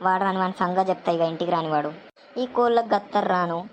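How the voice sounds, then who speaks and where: A woman with a Telangana Telugu accent playing a quarrelsome village woman who curses loudly at stray hens. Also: fairly low pitch, fast, slight background noise, lightly acted. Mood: ranting. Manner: loud cursing rant.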